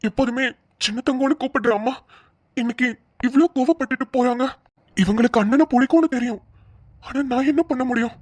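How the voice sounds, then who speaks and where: A woman's voice: high-pitched, a little fast, a little mellow, breathy edge, no room sound. Woman voicing a fed-up young police officer. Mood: pleading. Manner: exasperated, scolding rants. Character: young male police officer, harried and short-tempered. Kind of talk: dubbed cartoon voice acting.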